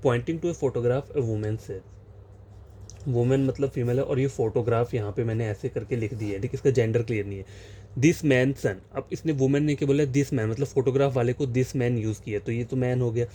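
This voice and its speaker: This male tutor has a mellow, mid-range voice and a steady tone, with slight background noise in the recording. In an exam-prep reasoning lesson, he solves questions on a board, reads the question text slowly, and explains as he goes, repeating phrases and using fillers.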